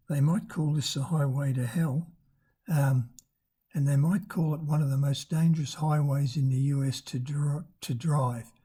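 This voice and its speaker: A travel vlogger of ambiguous-sounding sex narrating off the cuff, hesitantly, in a thin, squeaky voice roughened by damaged vocal cords. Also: warm tone.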